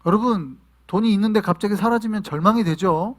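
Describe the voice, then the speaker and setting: A male pastor preaching a sermon to his congregation, asking them questions and sometimes shouting. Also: high-pitched, brisk. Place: church in New York.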